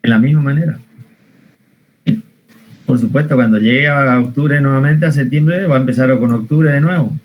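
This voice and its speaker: A man's voice: medium pitch, moderate pace, long pauses, slight background noise, poor audio. Patient Argentine man teaching spreadsheets. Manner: patient, repeats steps, asks the class questions. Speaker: computer science teacher. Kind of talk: online spreadsheet lesson.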